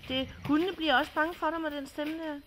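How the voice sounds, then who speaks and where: Bossy, high-voiced woman. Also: fairly even intonation, noisy background. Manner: bossy, giving blunt instructions. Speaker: helper giving instructions at a horse farm. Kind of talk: casual chat.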